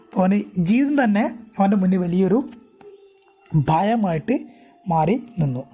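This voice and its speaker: A woman teacher with a Kerala accent explains an English story, reading lines slowly and then rephrasing them again and again. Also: medium pitch, lively intonation, breathy edge, soft background music. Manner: repeats and rephrases often. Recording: dull lo-fi recording.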